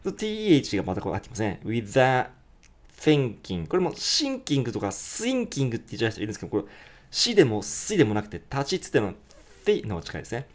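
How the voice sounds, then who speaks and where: Male English teacher, animated delivery; slow sung lyric lines, quick explanations. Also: mid-range voice. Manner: breaks lyrics into slow drawn-out syllables, then explains quickly. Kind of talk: pronunciation lesson, singing lyric lines slowly.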